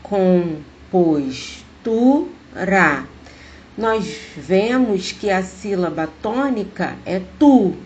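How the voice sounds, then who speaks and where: Slow, deliberate Brazilian teacher woman. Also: mid-range voice, animated, warm tone, dull audio, a little hiss or hum. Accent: Brazilian Portuguese. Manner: slow, deliberate, stressing words as she explains. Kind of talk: remote school lesson.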